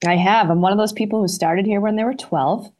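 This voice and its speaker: A woman's voice: mid-range voice, a little fast, a little mellow. Chatty middle-aged woman with a Boston accent. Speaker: interview guest, arena marketing director. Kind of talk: casual, chatty interview talk.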